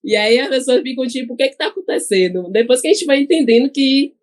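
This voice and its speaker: A woman's voice: high voice, quick pace, a little mellow. A woman with a Bahian accent, a podcast guest talking casually, laughing often and tagging sentences with questions. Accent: Bahian Portuguese. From Bahia, Brazil. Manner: chatty, laughs often, frequent tag questions. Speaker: podcast guest, cachaça ambassador. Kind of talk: casual chat.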